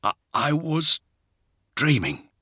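Croaky weak warrior, done by a male narrator, halting, half whispered, dry close sound. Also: fairly high pitch, very animated, bright, forceful tone, no room sound, voice pushed up, full character voice. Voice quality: hoarse, croaking. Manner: halting and strained, sometimes whispering.

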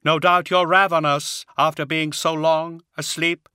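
A man voicing a hollow-voiced, skull-faced male warrior monk who speaks slowly and gravely, in an audiobook. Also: fairly high pitch, level tone, bright, forceful tone, no room sound, clean studio sound, voice pushed up. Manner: slow, grave and measured.

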